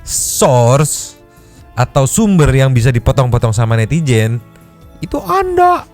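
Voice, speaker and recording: Mocking man with a lively, animated voice. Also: measured pace. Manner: mocking, jumps high to imitate others, laughs often. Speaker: podcast host reacting to clips. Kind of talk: casual commentary chat. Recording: music playing faintly behind.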